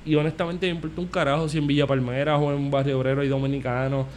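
A man's voice: fairly high pitch, level tone, fast talker, darkish tone. A man with a Puerto Rican Caribbean Spanish accent, debating politics casually as a podcast host in a blunt, teasing, profane and slangy way. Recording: clearly noisy background ambience.

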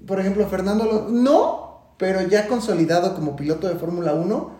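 Man, Mexican accent, casual podcast chat, patient explainer, slightly raised pitch, echoey room. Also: fairly quick, warm tone. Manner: explains patiently, peppers speech with "güey". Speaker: Formula 1 expert guest. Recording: roomy echo.

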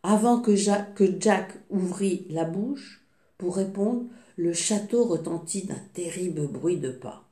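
A woman reading a fairy tale aloud, slowly and expressively, with small slips. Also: lowish voice, mellow. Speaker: storyteller. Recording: echoey room.

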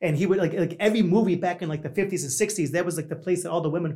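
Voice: mid-range voice, rapid-fire, dark tone. A host chatting casually, telling things in a rambling, conversational way. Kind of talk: casual chat.

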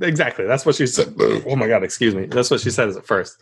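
A man's voice: medium pitch, fast, husky. A man co-hosting a podcast, chatting casually about a show with crude, laughing humor. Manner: crude joking, laughs often. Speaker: podcast co-host. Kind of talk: casual recap chat about a sitcom. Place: remote internet call recording.

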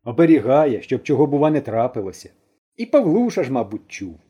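Husky, dark-voiced male storyteller. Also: medium pitch, brisk, dull audio. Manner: expressive storytelling, shifting tone. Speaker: audiobook reader. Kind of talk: audiobook narration.

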